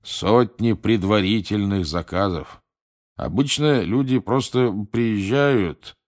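A man voicing a curious, plain-spoken campsite keeper who talks slowly and thoughtfully, in an audiobook reading. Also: fairly low pitch. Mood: musing. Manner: slow, unhurried, musing.

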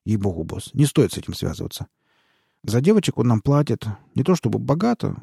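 A man's voice: mid-range voice, very animated, brisk, creaky, mellow, husky, dry recording, clean studio sound, full character voice. A man reading aloud and voicing a fawning, frightened male snitch who pleads and wheedles in folksy slang. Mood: wheedling.

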